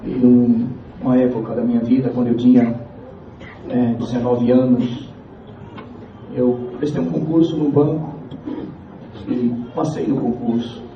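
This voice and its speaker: A man from Piauí, giving a church testimony to the congregation in an earnest, halting way and repeating his phrases. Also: mid-range voice, flat delivery, background noise. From Piauí, Brazil. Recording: echoey, distant, dull church recording.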